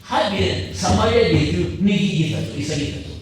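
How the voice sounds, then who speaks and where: A man preaching a sermon as pastor at a pulpit microphone, animated and mixing English terms into his talk. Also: high voice, very fast, a little hiss or hum. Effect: preaching over a pulpit microphone through the church loudspeakers. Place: church sanctuary. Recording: very echoey church hall, voice from a distance.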